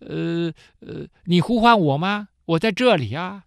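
A man's voice: on the high side, expressive, measured pace, creaky, no room sound, clean studio sound, pitched above the performer's own voice. A man voicing an eager, obedient young boy who answers with little hesitations. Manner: eager, slightly flustered replies.

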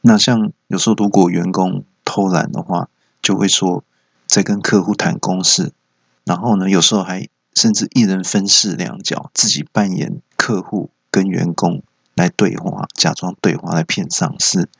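A man's voice: deep voice, steady tone, normal speed, gravelly, breathy edge, no room sound. A man hosting a comedy podcast, telling stories with teasing asides. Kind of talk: comedic storytelling monologue. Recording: dull lo-fi recording.

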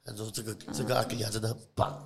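A man with a Taiwanese Mandarin accent telling an animated story in casual chat, laughing often. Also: lowish voice, very fast, creaky, reverberant. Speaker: podcast guest.

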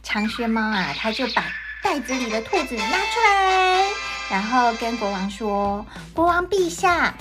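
A woman telling a children's story in an animated, sing-song way, talking to the kids. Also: a little high, a little slow, loud music behind the voice.

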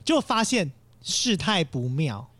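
A man's voice: a little high, big pitch swings, takes it slowly, fairly bright tone, dry recording. A man, telling a story in casual chat and acting out the voices he quotes.

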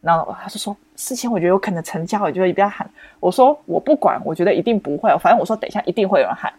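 A young woman, hosting a podcast and telling a story in casual, expressive chat. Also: fairly low pitch, racing, breathy edge, no echo. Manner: animated, expressive, lots of restarts and exclamations. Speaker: podcast host.

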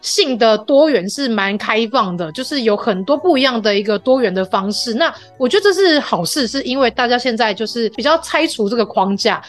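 Animated woman telling stories. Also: on the high side, brisk, hardly any pauses, soft background music. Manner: animated storytelling, acts out her child's questions. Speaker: podcast host. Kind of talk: casual chat.

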